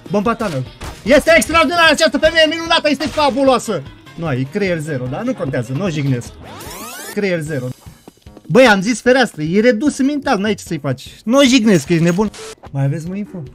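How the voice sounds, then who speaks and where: A young man streaming a shooter game, swearing nonstop and yelling at his teammates. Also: high voice, very animated, soft background music. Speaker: gaming streamer. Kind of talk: casual gameplay commentary.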